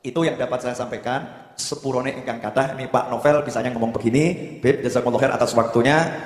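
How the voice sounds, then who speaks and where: A man preaching to a congregation, telling stories with lively emphasis. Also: medium pitch. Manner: animated, quick storytelling with emphatic rises. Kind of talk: religious lecture with storytelling. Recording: echoey hall reverb.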